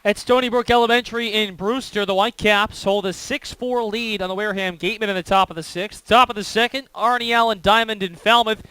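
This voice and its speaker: A man's voice: high voice, fairly even intonation, fairly quick, few pauses, pushed and bright, clean tone, no echo. A man giving live sports commentary as a baseball color commentator and scoreboard reporter.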